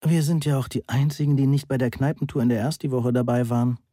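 Mann macht bestimmende ältere frau, großmutter, hörbuch, leicht rauchig. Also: male voice, medium pitch, fairly even intonation, dark tone, dry recording, clean studio sound, close to an everyday voice. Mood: bossy brisk. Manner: brisk, bossy. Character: energetic older woman, a grandmother, bossy and brisk.

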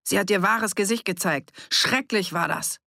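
A reader voicing a boastful village man who stirs up a pub crowd, raised and loud. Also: high-pitched, moderate pace, vocal fry, no echo, clean studio sound, voice pushed up, full character voice. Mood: agitated. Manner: loud, rabble-rousing, boastful. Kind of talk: audiobook character reading.

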